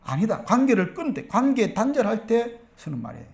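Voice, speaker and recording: Gravelly, animated preacher. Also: male voice, high-pitched, fairly quick, reverberant, lo-fi sound. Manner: animated preaching, acts out quoted church members. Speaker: pastor. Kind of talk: sermon.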